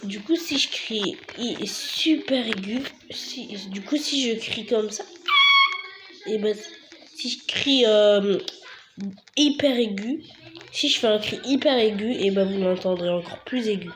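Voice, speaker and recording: A woman giving casual commentary while playing a video game, chatting to viewers and breaking into sudden high squeals of excitement. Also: unhurried, slight background noise, poor audio. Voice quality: recording makes voice slightly higher. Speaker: gaming video creator.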